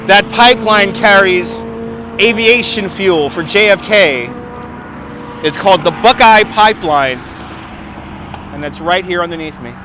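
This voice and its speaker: Walking outdoors by the water, this livestream host talks casually with his audience in a New York accent, responding to viewers and laughing quickly. His voice is high, the background is noisy, and he records on a phone held on a gimbal.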